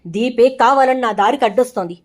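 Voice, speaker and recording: A scheming young woman villain, read by a woman narrator speaks in a high, bitter voice. She sounds possessive and defiant, a storybook villainess who wants everything for herself. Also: a little fast, close to an everyday voice.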